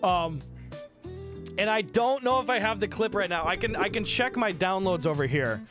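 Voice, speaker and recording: A man live-streaming from home, telling a wild story in an excitable, profane rush and tossing in quick voices for other people. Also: sits high, music in the background.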